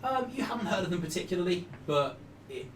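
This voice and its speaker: A man's voice: sits high, big pitch swings, quick pace. A man improvising as game master in a tabletop game, phrasing things hesitantly and piece by piece. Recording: echoey room, distant mic, clear noise.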